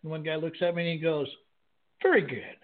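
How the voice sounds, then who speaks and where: High-voiced man on a phone line. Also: monotone, very fast. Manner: dry joking asides. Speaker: co-host. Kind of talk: casual chat. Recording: thin phone-like audio.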